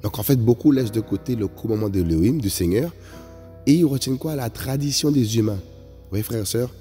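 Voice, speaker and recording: A man with a warm, mid-range voice preaches a sermon emphatically and fairly quickly, often calling out "vous voyez, frères et sœurs" to his brothers and sisters. The recording has long reverb with faint music behind it.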